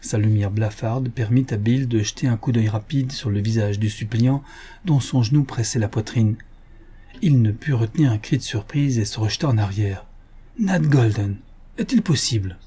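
A man reading an adventure novel aloud in a steady, measured narration. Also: fairly low pitch, slightly rough. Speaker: audiobook narrator. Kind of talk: scripted narration.

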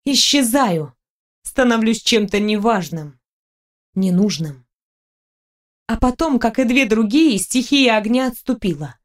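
A woman's voice: a little high, lively intonation, measured pace, long pauses. Woman narrating a fantasy audiobook. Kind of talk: scripted first-person fantasy narration.

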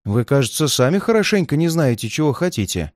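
A man's voice: fairly high pitch, sing-song, fairly quick, no room sound. A man voicing a stern male detective who speaks dryly and firmly. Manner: dry and firm, sometimes gentle.

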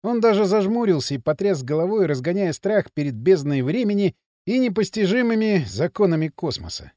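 A male audiobook narrator with a high, very lively voice that rises and falls expressively. His storytelling is scripted and vivid, and the recording is close and completely dry. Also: a little fast, dry recording.

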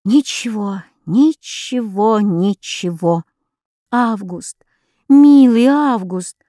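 A woman voicing a timid, gentle girl who is the tearful older sister, pleading softly in an audiobook. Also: a little high, animated, unhurried, dry recording, clean studio sound. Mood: coaxing. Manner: soft pleading.

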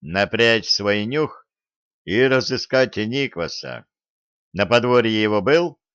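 A man's voice: fairly low pitch, lively intonation, takes it slowly, fairly bright tone, smooth, no room sound, lo-fi sound. A man voicing a brash young man in a storybook, cocky and bossy. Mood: commanding. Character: young brash scheming man, royal gossip.

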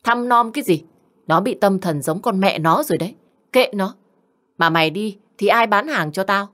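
A woman's voice: medium pitch, animated, normal speed, fairly bright tone, pitched above the performer's own voice, natural voice. A woman voicing a stingy older mother-in-law who snaps and scolds in an audiobook. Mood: scolding. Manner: snapping, scolding. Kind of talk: audiobook character voice.

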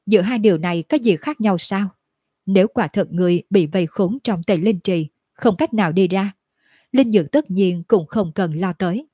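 A woman voicing a calm, cunning young male cultivator who speaks politely and composed. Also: medium pitch, normal speed, breathy edge, no echo, studio quality, natural voice.

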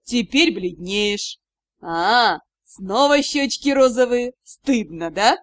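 A woman's voice: fairly high pitch, lively intonation, takes it slowly, no room sound, pitched below the performer's own voice. A woman voicing a mocking, sarcastic aristocratic male mage in an audiobook, drawling and teasing.

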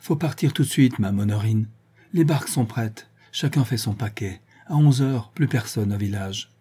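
A man's voice: fairly low pitch, normal speed, breathy edge. A man reading an audiobook and voicing an agitated, breathless sailor who has been drinking. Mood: hurried. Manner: agitated, excited, raised voice. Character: breathless tipsy old sailor.

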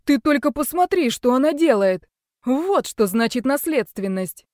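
A woman voicing an elderly male doctor with a creaky voice, full of emotion. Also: medium pitch, fairly quick, a little mellow, no room sound, clean studio sound, close to an everyday voice. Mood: awed.

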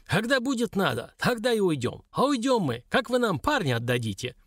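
A man's voice: sits high, sing-song, brisk, fairly bright tone, no room sound, studio quality, voice pushed up, full character voice. A man reading an audiobook, voicing a stern, cold old woman shaman who questions curtly. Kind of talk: audiobook character voice.

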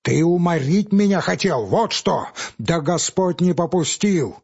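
A man narrating a literary audiobook in a calm, measured storytelling manner. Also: on the high side, creaky, husky, lo-fi sound.

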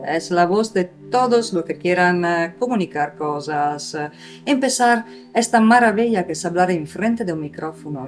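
Musing woman radio host, lower voice. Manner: reflective, musing questions. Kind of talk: casual radio conversation. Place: community radio studio.

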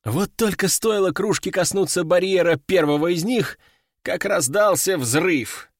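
A man's voice: a little high, no echo, clean studio sound. A man narrating an audiobook in the first person, with a wry, ironic storytelling manner.

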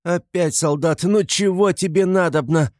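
A man voicing a frantic, shrill woman in hysterics. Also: a little slow, a little mellow, dry recording, studio quality. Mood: scolding. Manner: shrill, wailing, scolding.

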